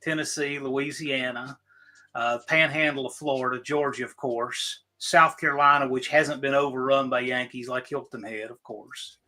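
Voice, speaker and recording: A man's voice: mid-range voice, steady tone, normal speed, pushed and bright. A man on a casual chat stream, making his point firmly and at length. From American South. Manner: opinionated, emphatic, argues his point.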